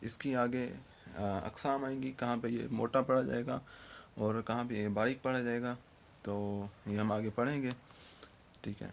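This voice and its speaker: A man's voice: medium pitch, steady tone, vocal fry, slight background noise. A man teaching Quran letter pronunciation in an online lesson, patiently checking in after each point and drawing out the letter sounds.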